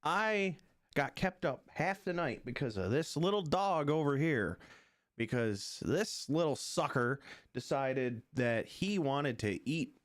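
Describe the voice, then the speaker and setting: A man's voice: fairly high pitch, lively intonation, takes it slowly, no echo, studio quality. A man co-hosting a sports podcast, chatting casually with restarts and playful groans. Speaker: podcast co-host.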